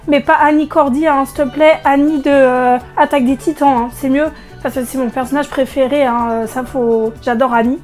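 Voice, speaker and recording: A woman unboxing video games in a casual vlog, excitable and chatty, with a strained voice she tries not to push. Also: high voice. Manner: excitable, chatty, many fillers. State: strained voice, holding back from shouting. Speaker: vlogger.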